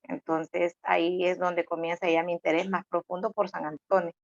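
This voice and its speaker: Give me a slow, reflective woman guest on a dull-sounding recording. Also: on the low side, flat delivery, vocal fry, dry recording. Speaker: panel guest. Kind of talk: personal testimony. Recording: dry muffled lo-fi audio.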